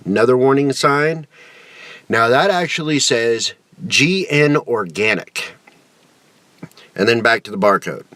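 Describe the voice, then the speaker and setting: Male reviewer, mid-pitched and folksy, chatting casually with a pouch tucked in his lip, very dry room sound. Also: fairly bright tone, no room sound. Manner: folksy, colloquial phrasing. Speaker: snus product reviewer. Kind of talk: casual review chat to camera.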